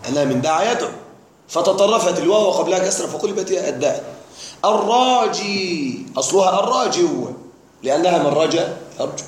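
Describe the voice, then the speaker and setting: A man's voice: high voice, animated, fast. A man teaching Arabic grammar in a classroom lecture, stopping often to quiz his students with questions. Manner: quizzes students with repeated questions. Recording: echoey classroom with faint noise.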